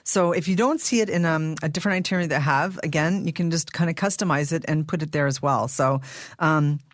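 A woman's voice: deep voice, quick pace, dry recording, clean studio sound. A woman speaking as a travel company guest, informally explaining packages in a radio interview.

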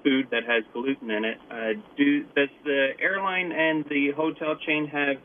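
A man's voice: on the high side, fairly even intonation, normal speed. A man calling a radio show, asking his question casually. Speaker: phone-in caller. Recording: thin phone line, faint noise.

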